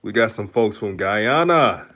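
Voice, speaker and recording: His voice is on the low side, a little slow, bright and forceful, with lively intonation. He's a Houston, Texas man with a slight Texan accent, hosting a live stream where he chats loosely, reads the chat, and laughs often.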